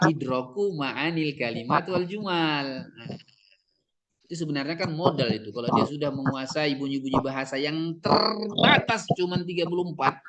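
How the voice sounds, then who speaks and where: A man training teachers in a lecture, explaining step by step and answering his own questions, with Arabic terms in an Indonesian accent. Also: on the high side. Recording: audience or crowd noise behind.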